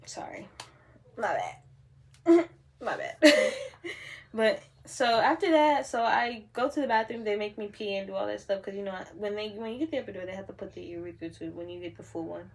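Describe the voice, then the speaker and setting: A young woman talks straight to her camera in a relaxed storytime vlog. Her delivery is chatty and animated, full of casual "like" fillers. Her voice sits at an ordinary middle pitch for a woman. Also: quick pace, gravelly, few pauses, a little hiss or hum. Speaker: vlogger.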